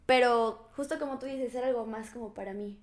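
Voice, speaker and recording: Young woman, Mexican accent, fairly high voice, reflective, soft-spoken, casual podcast chat. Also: a little fast. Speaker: podcast co-host.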